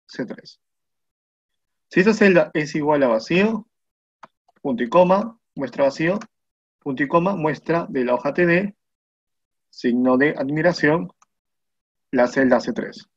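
This spreadsheet instructor, a man with a Peruvian Spanish accent, teaches a software tutorial over a screen recording, his slightly husky, fairly high voice animated yet measured, with frequent pauses. He explains step by step with patience, often asking "¿no?" and saying "mira," all on muffled lo-fi audio.

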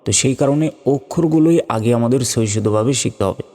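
A man teaching Arabic letter pronunciation in a slow step-by-step lesson, drawing out and repeating each sound. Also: medium pitch, mellow. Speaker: Quran teacher. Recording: long hall reverb with faint music.

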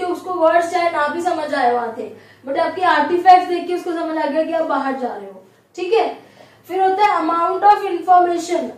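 High-voiced woman lecturing in an echoey room. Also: far from the mic. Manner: explanatory, mixes English terms, frequent "ठीक है" check-ins. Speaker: psychology lecturer. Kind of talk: recorded classroom lesson.

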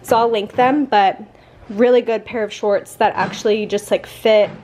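A woman in her twenties chatting casually in a vlog, excitable and full of "like". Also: medium pitch, moderate pace, slight background noise, rough recording. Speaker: lifestyle vlogger.

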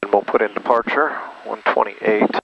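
A man's voice: on the low side, normal speed, creaky. A man piloting a plane, talking through checklist items in short phrases on his cockpit headset intercom. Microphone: headset boom mic. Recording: dull lo-fi cockpit intercom with faint noise.

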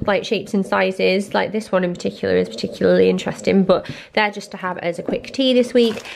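Chatty young woman with a gravelly edge. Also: medium pitch, a little hiss or hum. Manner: bubbly, rambling, laughs at herself. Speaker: vlogger. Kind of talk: chatty grocery haul narration. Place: home kitchen.

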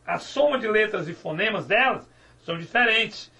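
Man, teaching a lecture, gravelly, bright, stretches out key words. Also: high voice, expressive, moderate pace. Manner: didactic, asks and answers his own questions, stretches key words. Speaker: Portuguese teacher. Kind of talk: recorded grammar lecture.

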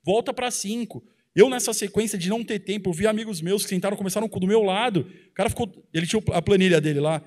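A blunt, colloquial man in his thirties pushes a conference crowd hard, his voice sitting fairly high. He holds a handheld mic close as he talks from the stage of a large hall. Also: quick pace, few pauses, darkish tone. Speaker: trader and co-presenter. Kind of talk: motivational talk on stage.

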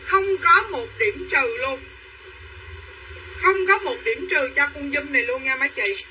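High, piercing saleswoman on a livestream. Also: a little slow, pushed and bright, distant mic, low-quality recording. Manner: chatty, repetitive hard-sell patter, addressing buyers by name. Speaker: online clothing seller. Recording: voice a bit off-mic with faint room noise.

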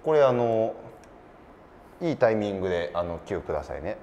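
Lively man hosting a game stream. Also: on the low side, fairly quick, muffled recording, slight background noise. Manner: animated, laughs often, reads viewer comments. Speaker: stream host. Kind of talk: casual game stream chat.

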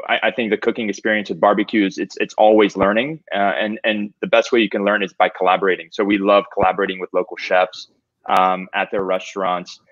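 A man's voice: lowish voice, a bit bright, dry recording, lo-fi sound. A man talking on a video call as a barbecue restaurant guest, hesitant and full of fillers. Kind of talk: casual video-call chat.

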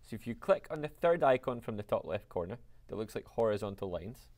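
A male music teacher giving an upbeat software tutorial. His pitch moves in a lively, animated way as he explains each step. He addresses his viewers directly and keeps things chatty. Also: brisk.

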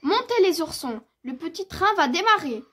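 A woman's voice: very high voice, very animated, moderate pace, a bit bright, exaggerated voice. A woman reading as a friendly father bear. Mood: kindly.

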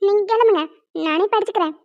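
A squeaky young cartoon wife, voiced by a woman, sweet and pleading, chattering at a quick clip in a very high, pitched-up voice. The recording is dull and lo-fi. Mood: teasing. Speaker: voice actor. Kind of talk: homemade cartoon dubbing.

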